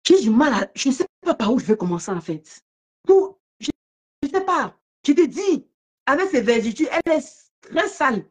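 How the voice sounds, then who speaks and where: A woman with a fairly high voice rants on a casual live stream. She mocks her rival in quick bursts and laughs loudly between them. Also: sing-song. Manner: mocking, laughing loudly, talking fast in bursts. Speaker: live streamer commenting on an online feud.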